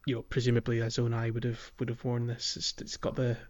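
Over a dull lo-fi microphone, a podcast host discusses video games in a relaxed, hedging, conversational way. His mid-range voice is a little mellow, quick-paced and completely flat.

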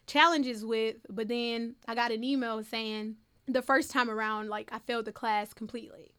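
Interviewee: young woman, bright, crisp voice, animated storyteller. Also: on the high side, moderate pace. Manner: animated, filler-heavy, emotional storytelling. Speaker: interviewee, first-generation college graduate.

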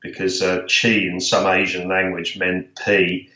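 A man's voice: low voice, flat delivery, a little slow, bright, forceful tone. A man chatting casually and easily as a guest on a podcast. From Essex, England. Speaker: podcast guest, health shop owner. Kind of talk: casual interview chat. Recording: roomy, dull lo-fi call-like sound.

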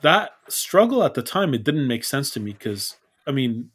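A man from Canada hosting a casual podcast interview. His voice sits at an ordinary middle pitch. He talks in a friendly, easygoing way, laughs easily, and leads with open questions. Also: very animated, normal speed, fairly bright tone, breathy edge. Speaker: podcast host.

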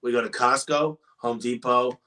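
A man's voice: medium pitch, fairly even intonation, moderate pace, pushed and bright, distant mic. A man, a business owner guest on a podcast, talking in an emphatic, motivational way and telling stories. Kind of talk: podcast interview.

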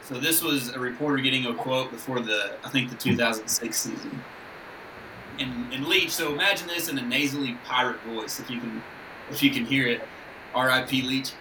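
A man's voice: mid-range voice, moderate pace. Man joking, off mic with noise. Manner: jokey, stumbling restarts. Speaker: podcast co-host. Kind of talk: casual sports chat. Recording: echoey room, distant mic, background noise.

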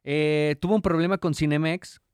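A Mexican man on a comedy podcast with a wry, explaining manner, full of hesitant fillers. His voice sits a touch high. The sound is dry and close-miked. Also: fairly even intonation, moderate pace, darkish tone, smooth, no echo. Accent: Mexican Spanish. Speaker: podcast co-host. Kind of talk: casual comedy podcast banter.

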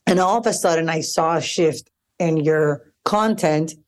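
Lower-voiced woman hosting, warm questions. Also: unhurried. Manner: enthusiastic and appreciative, rambling questions. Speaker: podcast host. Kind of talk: casual interview conversation.

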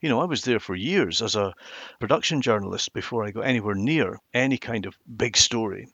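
A mature man with a Highland Scottish accent, telling stories reflectively and emphatically in a conversational interview. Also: expressive, a little fast, fairly bright tone, slightly rough, no room sound. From Inverness, Highlands of Scotland. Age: middle-aged or older. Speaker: interview guest, former television journalist.

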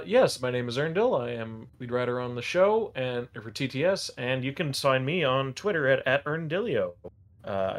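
A man of medium pitch casually introduces himself as a game player and writer. His intonation is very lively.

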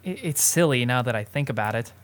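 A man's voice: mid-range voice, animated, fast, lightly acted. A young man in a student radio drama playing a shy, anxious teenage boy who stammers and pleads. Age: young adult. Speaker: nephew.

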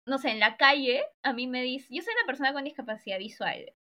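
A woman's voice: sits high, animated, fast talker, sharp tone. A woman with a Peruvian Spanish accent hosting an interview and asking curious, conversational questions. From Peru. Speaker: podcast host.

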